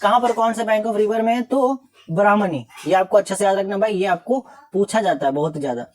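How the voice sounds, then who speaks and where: A young man with a high voice teaches an exam revision lesson. He reads the questions out slowly, then explains them with casual jokes and teasing scolds.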